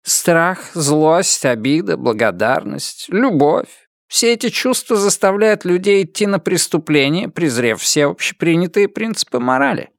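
A man's voice: sits high, expressive, unhurried, creaky, no echo, clean studio sound, pitched above the performer's own voice, exaggerated voice. A man voicing an earnest male robot cat pirate who explains his feelings in an audiobook.

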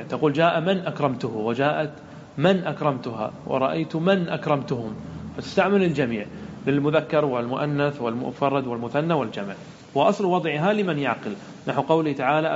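A male sheikh giving a classroom grammar lesson with a slightly high voice. He explains patiently, repeating each form and slowing for quoted verses. The recording sounds dull and lo-fi, with a faint hiss underneath. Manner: slows to recite verses and example sentences. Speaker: sheikh teaching Arabic grammar.

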